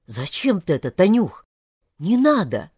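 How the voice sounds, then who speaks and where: A gruff but caring young man, voiced by a female reader who speaks low and quietly. The recording is dry and close, with no room sound. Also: huge pitch swings, unhurried, no echo, full character voice. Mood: flustered. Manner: lower, soft, gruff. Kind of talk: audiobook character voice.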